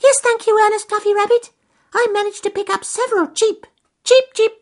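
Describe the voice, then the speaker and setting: A man's voice: very high-pitched, fairly even intonation, fairly quick, voice pushed up. A man voicing a small, polite sparrow in a storybook, chirping like a bird. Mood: cheerful.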